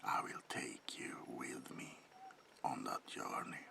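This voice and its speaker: In a whispered ASMR roleplay, a man voices a predatory, courtly vampire baron, slow and theatrical, his breathy, gravelly whisper wrapped in softly menacing politeness. He sounds gloating and musing.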